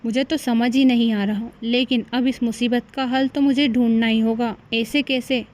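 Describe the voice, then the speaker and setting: A woman's voice: a little high, fairly even intonation, normal speed, a little mellow, lightly acted. A woman voicing a meek, harried young husband in a cartoon story, weary and pleading. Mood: despairing. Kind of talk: cartoon voice acting.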